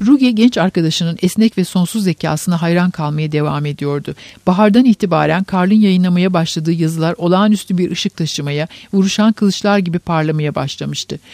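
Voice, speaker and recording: High-voiced male audiobook narrator. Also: a little mellow, no room sound.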